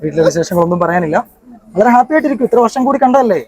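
A man's voice: sits high, expressive, racing, a crowd in the background, low-quality recording. A young man working as a hypnotist in a demonstration, coaxing his subject and repeating his commands again and again.

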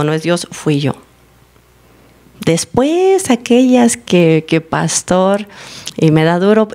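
Woman, church testimony sermon; low, gravelly tone; animated storyteller who acts out dialogue. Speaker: church member giving a teaching. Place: church service, recorded live.

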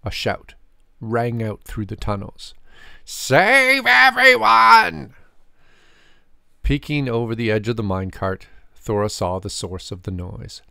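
A man reading his own fantasy adventure story aloud, with measured, expressive storytelling. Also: fairly low pitch, no room sound, clean studio sound. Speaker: author and narrator. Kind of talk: scripted storybook narration.

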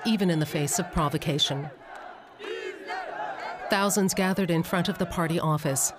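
A documentary narrator reading a calm, even, scripted narration. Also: mid-range voice. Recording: narration over music and crowd noise.

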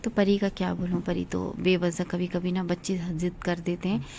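A woman's voice: on the low side, little pitch movement, normal speed, gravelly, mellow, a little hiss or hum. A woman in her thirties chatting casually to her viewers as friends in a family vlog. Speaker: family vlogger.

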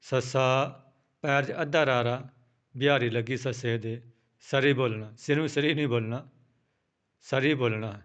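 A man teaches scripture pronunciation at a very slow, patient pace. His voice is smooth and clear, and he spells each word out letter by letter before saying it again. The recording sounds a little dull and lo-fi. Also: medium pitch, steady tone. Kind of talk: slow, careful recitation lesson.

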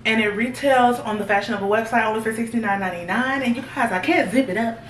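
A fashion vlogger in her 20s chats casually to viewers during a try-on haul, speaking straight to them. Her voice is a little high and fast. The room is echoey, she's a bit far from the mic, and there's slight background noise.

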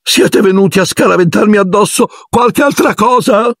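A man doing a shrill, wailing ghost girl. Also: moderate pace, dry recording, studio quality. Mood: sobbing. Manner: shrill falsetto, sobbing and shrieking. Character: wailing teenage girl ghost, touchy and self-pitying.

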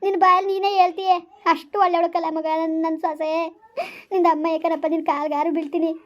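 A woman's voice: very high-pitched, little pitch movement, fast talker. A woman playing a grieving village mother who wails and pleads with her son in a homemade comedy skit. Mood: pleading. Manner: wailing, pleading. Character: grieving village mother, middle-aged, lamenting. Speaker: hobby skit actor. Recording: dull lo-fi sound.

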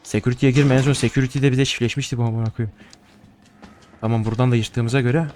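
Playing a horror game, a young male streamer jokes to himself, jittery and profane, in casual commentary full of swearing. He talks fast at medium pitch with little pitch movement and a slightly mellow tone, over slight background noise.

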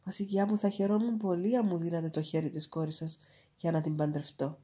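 A woman's voice: fairly low pitch, flat delivery, warm tone, slightly rough. A woman voicing a humble young miller's son in a storybook, speaking earnestly and politely.

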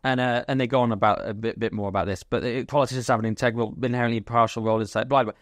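A man co-hosting a political chat podcast, riffing in a jokey, animated way. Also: mid-range voice, very fast, dry recording, clean studio sound. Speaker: podcast co-host.

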